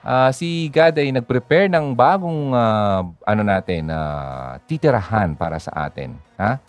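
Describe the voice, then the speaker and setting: A man's voice: medium pitch, expressive, a little slow. A man hosting a radio talk, chatting casually about grief and faith, full of fillers and little "ha?" tags. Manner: chatty, code-switching, many fillers and "ha?" tags. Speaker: radio host.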